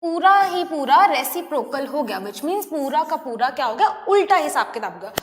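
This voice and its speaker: A woman teacher with an Indian accent giving an online class lecture. She mixes Hindi and English, checks in often with her students, and slows down to dictate key terms. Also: high-pitched, sing-song, a bit bright. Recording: roomy echo with long reverb.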